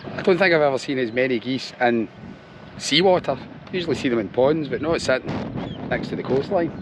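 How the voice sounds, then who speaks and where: A man's voice: mid-range voice, brisk. A man chatting casually through a travel vlog outdoors, self-deprecating and a little out of breath. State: slightly out of breath. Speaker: cycling vlogger. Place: outdoors, on a ferry and cycling roads. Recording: outdoor wind noise on the mic.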